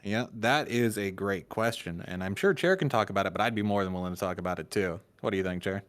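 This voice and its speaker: A man's voice: lowish voice, fast. A man hosting a casual podcast chat, an easygoing moderator who jokes with his co-hosts and steers the talk. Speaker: podcast host.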